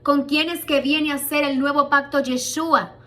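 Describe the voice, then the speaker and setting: High, bright-voiced woman preaching. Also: steady tone, moderate pace. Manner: emphatic, rhetorical questions, quoting scripture dramatically. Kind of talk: sermon.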